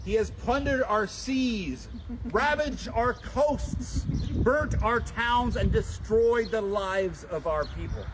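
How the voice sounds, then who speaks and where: A man giving a solemn, dramatic public reading of a historical document, with deliberate, declamatory phrasing. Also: sits high. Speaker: public reader and livestream host. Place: outdoors at a town memorial. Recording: noisy outdoor livestream, traffic and street sounds.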